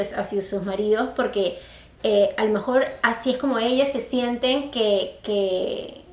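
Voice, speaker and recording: Lively woman in an echoey room. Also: fairly high pitch. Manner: lively, expressive, emphatic storyteller. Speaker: podcast co-host. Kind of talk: casual chat.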